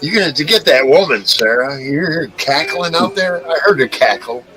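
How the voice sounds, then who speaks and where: A man's voice: fairly high pitch, expressive, moderate pace, sharp tone, poor audio. A man in his sixties chatting casually, joking and teasing playfully. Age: 60s. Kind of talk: casual live-stream chat.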